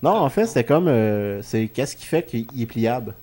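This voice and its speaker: A man's voice: medium pitch, expressive, moderate pace, warm tone. A man with a Quebec French accent hosting a wrestling talk show in a casual, joking, chatty way. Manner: informal, joking. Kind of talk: casual studio chat.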